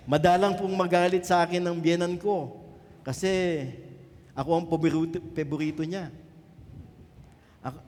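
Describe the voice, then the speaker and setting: A man's voice: high voice, a little mellow. A man preaching a sermon as pastor, often mixing English into his words and calling out for amens. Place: church hall. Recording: long church hall reverb.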